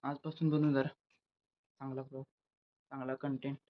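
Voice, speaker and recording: A young adult man with a rural western Maharashtra accent chats casually in a daily vlog, rambling and correcting himself. His mid-range voice has little pitch movement and a normal speed, with no room sound, though the phone audio is dull and lo-fi with background noise.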